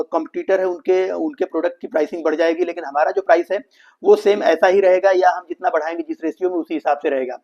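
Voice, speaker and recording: Addressing his audience as friends, an Indian man walks through an earnings call in a financial explainer, slipping in English business terminology. He sounds a little high and a little mellow, and the recording is dull and lo-fi.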